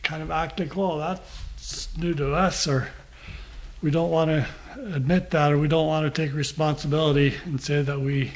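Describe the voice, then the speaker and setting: Older man preaching slowly, fairly high voice. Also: flat delivery, a little mellow. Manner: slow, measured reading with pauses. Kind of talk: scripture reading and sermon.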